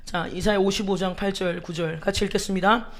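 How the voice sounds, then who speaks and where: A woman's voice: medium pitch, steady tone, brisk. A woman pastor preaching a sermon, emphatic, asking the congregation rhetorical questions and acting out quoted pleas with drama.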